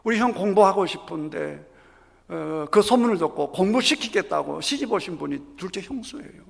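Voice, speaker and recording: A man's voice: sits high, lively intonation, moderate pace, vocal fry. A middle-aged male pastor preaching a sermon emphatically in a church sanctuary, acting out scripture scenes with drama. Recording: echoey church hall.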